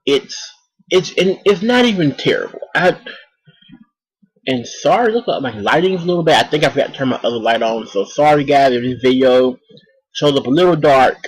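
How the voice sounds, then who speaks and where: A man's voice: medium pitch, lively intonation, moderate pace, slightly rough, poor audio. A man casually reviewing an anime, rambling with many ums and restarts while talking around a cough drop.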